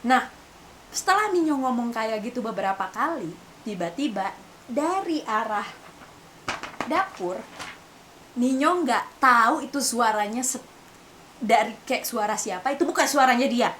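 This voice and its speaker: A woman's voice: on the high side, measured pace, long pauses. A young woman from Indonesia telling a personal story to camera, casually mixing in English phrases. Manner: mixes in English phrases, refers to herself by name, animated retelling. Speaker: vlogger. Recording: faint hiss.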